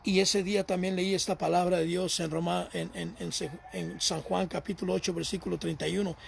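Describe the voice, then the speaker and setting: Gravelly high-voiced preacher man. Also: level tone, a little fast, a little hiss or hum. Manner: storytelling testimony, repeats phrases for emphasis. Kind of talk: sermon.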